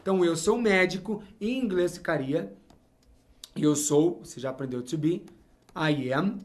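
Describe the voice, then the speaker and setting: Male English teacher from Brazil, high voice, lively and direct with learners. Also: a little slow. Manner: lively, talks straight to the viewer with frequent "tá?" and "ok?". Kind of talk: explaining English grammar to learners.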